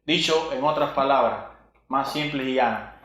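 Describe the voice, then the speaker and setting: A man's voice: medium pitch, moderate pace, fairly bright tone. A man, possibly, preaching a sermon, asking rhetorical questions and repeating verses. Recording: echoey room.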